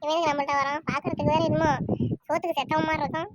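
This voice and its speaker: A woman's voice: high voice, flat delivery, very fast, highs cut off, very noisy, lightly acted. A woman voicing a tall, tough young woman who scolds sharply and threatens in a cartoon. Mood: angry. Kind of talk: cartoon voice acting.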